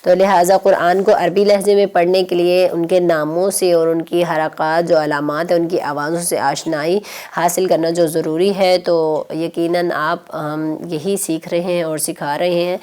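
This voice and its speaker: A woman's voice: lowish voice, level tone, darkish tone, clean tone. A woman, patiently teaching children on a TV lesson and repeating key points. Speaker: Quran teacher.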